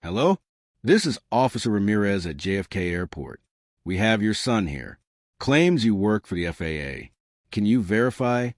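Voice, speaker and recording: A man's voice: on the low side, sing-song, normal speed, dry recording, clean studio sound. A man voicing an awkward male airport police officer who speaks in a hesitant, official way.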